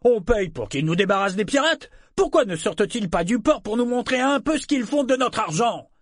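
A man voicing an angry merchant shouting questions at a meeting. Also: sits high, animated, a little fast, no echo, studio quality, voice pushed up. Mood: outraged. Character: angry male merchant in a crowd.

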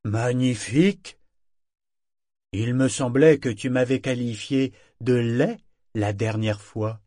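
A man voicing a wounded, brooding male figurehead of a living ship, speaking slowly and firmly in a dry, close sound. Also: dark tone, dry recording, close to an everyday voice. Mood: mocking. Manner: firm, slow, booming.

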